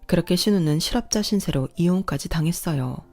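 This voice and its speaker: Woman reading a story, lowish warm voice, soft music behind. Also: fast. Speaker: story narrator. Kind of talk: scripted first-person story narration.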